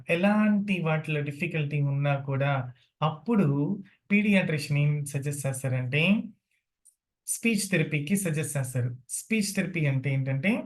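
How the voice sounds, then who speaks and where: A woman giving a classroom lecture as a medical transcription trainer, explaining terms and rephrasing them, mixing English words into her talk. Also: low-pitched.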